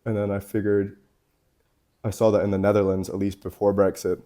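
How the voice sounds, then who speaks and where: A young man from Scotland with a very low voice talks casually as a podcast guest. His speech is loose and rambling, packed with fillers and casual swearing. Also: level tone, a little fast, warm tone. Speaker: guest artist. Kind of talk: casual chat. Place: tattoo shop.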